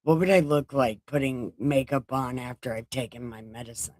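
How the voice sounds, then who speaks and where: In a casual read-along for a live chat, a roughly forty-year-old woman works through scripture and cracks profane jokes between passages. She has a bass voice with a darkish tone and a moderate pace, and a little hiss or hum is audible.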